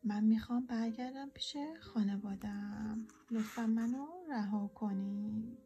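A woman voicing a stubborn little wooden stick man in a storybook, louder and raised. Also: a little high, fairly even intonation, faint music behind, lightly acted. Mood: protesting.

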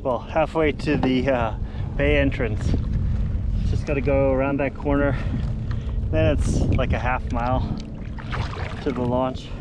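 A man in his thirties casually talking to himself while fishing from a kayak out on the sea, giving relaxed running commentary on each catch. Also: mid-range voice, measured pace, long pauses. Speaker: kayak angler. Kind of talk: casual self-narrated fishing vlog. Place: kayak on open sea, outdoors. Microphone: action camera mounted on kayak. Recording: wind and sea noise on action cam. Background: wind and water noise.

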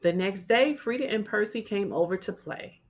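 A woman reads a children's storybook aloud the way a teacher would, expressive and carefully enunciating each word for young listeners. Her voice sits mid-range, with lively intonation and a moderate pace.

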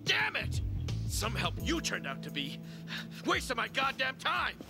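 Game role: gruff hot-headed male ex-gangster, confrontational and slangy, very animated, heavy music underneath. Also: mid-range voice, moderate pace. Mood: furious. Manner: blunt, confrontational, slangy, sneering. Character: gruff, short-tempered male ex-gangster seeking work. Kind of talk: video game voice acting.

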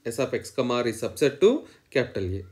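A man's voice: medium pitch, big pitch swings, fast talker, a little mellow. A man lecturing in mathematics, dictating definitions in short phrases and repeating each one as he writes.

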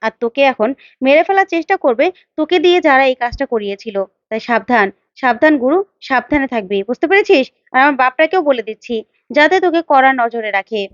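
A woman's voice: high-pitched, animated, fast talker, dry recording, highs cut off. A woman voicing a bold, defiant young woman who scolds and threatens bluntly. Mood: threatening.

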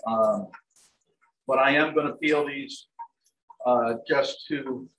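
Speaking slowly in a mid-range voice, this middle-aged chef, who is also a dining services director, demonstrates a recipe live in a spacious home kitchen, calmly explaining each stage and often saying "um" and "like I said." A fixed camera across the counter records him from afar, so the sound echoes with a light hiss. Turkey sizzles in a pan nearby.

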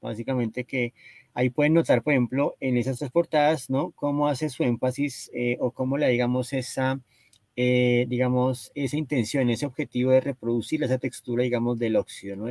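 A man talks his audience through a slide presentation at a mid-range pitch, pausing often and tacking a questioning tag onto nearly every phrase. His voice is recorded close and dry, with almost no room sound around it. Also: fairly even intonation, darkish tone, no room sound. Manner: hesitant, constantly tags phrases with "¿no?" and "¿cierto?". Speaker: lecturer presenting book cover art. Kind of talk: explanatory slide talk.

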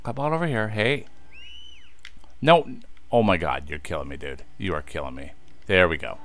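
Here a let's play host in his thirties offers casual commentary on a game, speaking directly to viewers and getting easily annoyed. His voice is deep, expressive and fairly bright, at a moderate pace.

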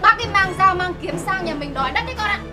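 Indignant sister-in-law, very high. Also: female voice, animated, fast. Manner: protesting, calling him uncle. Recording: film scene with loud music.

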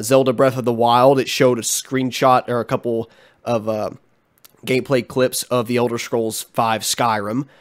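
Sounding stuffed up and congested, this young channel host talks through his casual commentary vlog in a frank, chatty way, dropping lots of ums and uhs. His pitch is medium.

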